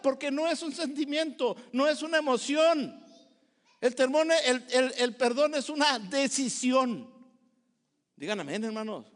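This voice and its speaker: A male pastor preaching a sermon, pleading with the congregation in an impassioned way. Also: very high-pitched. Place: church sanctuary. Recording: long church hall reverb.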